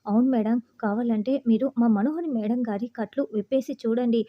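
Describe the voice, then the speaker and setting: A woman's voice: a little high, brisk, highs cut off, natural voice. A woman voicing a loyal male aide who rambles on, boasting about a lady to provoke the captors. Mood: boastful. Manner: rambling, over-praising.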